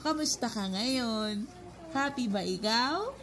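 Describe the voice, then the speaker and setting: High-pitched woman, slow unhurried talk, cooing baby talk at her kids, music behind. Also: animated, very noisy. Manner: coos and talks baby talk to her children, mixing in English. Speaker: mother vlogging family life. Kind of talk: casual family vlog.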